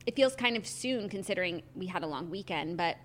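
A woman's voice: lowish voice, lively intonation, brisk, a bit bright, a little hiss or hum. A woman co-hosting a podcast, talking in a casual, conversational way. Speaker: podcast co-host. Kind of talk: casual chat.

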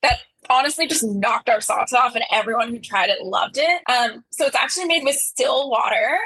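A woman's voice: fairly high pitch, normal speed, sharp tone, slight background noise, rough recording. A woman presenting at a live awards ceremony in an upbeat, enthusiastic way.

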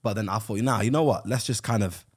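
Quick, lower-pitched young man. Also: slightly rough. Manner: informal, checks for agreement. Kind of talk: casual chat, storytelling.

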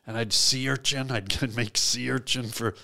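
A man with a mid-range voice keeps a straight face while joking through relaxed banter. He plays every made-up claim as if it were true. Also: medium pitch, unhurried, vocal fry. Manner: deadpan, sticks to a joke bit. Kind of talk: casual comedic chat.

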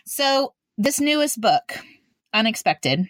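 A woman's voice: fairly high pitch, very animated, slow, a bit bright, dry recording. A woman hosting a conversational podcast in an earnest, encouraging way. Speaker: podcast host.

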